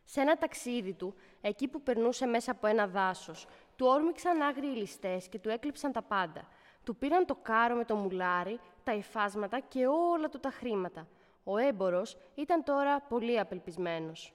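A woman's voice: on the high side, lively intonation, big-room sound. A woman narrating a folk tale, speaking directly to the listeners. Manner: warm, addressing the listeners directly. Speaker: storyteller.

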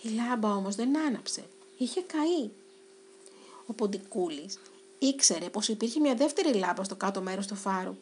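A woman narrating a children's storybook in an expressive, dramatic way. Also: mid-range voice, a little hiss or hum.

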